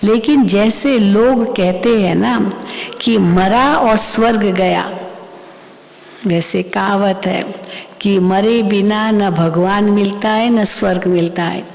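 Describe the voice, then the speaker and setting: Woman teacher, sermon with anecdotes, gravelly tone, long hall reverb. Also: mid-range voice, takes it slowly, darkish tone. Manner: storytelling, acts out quoted voices, asks listeners questions. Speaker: spiritual teacher. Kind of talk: murli class sermon with anecdotes.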